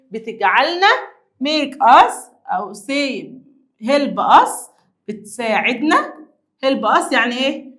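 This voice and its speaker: A young woman with an Egyptian Arabic accent teaching an English lesson to children, coaxing them along and repeating words slowly. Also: sits high. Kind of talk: classroom lesson explaining vocabulary.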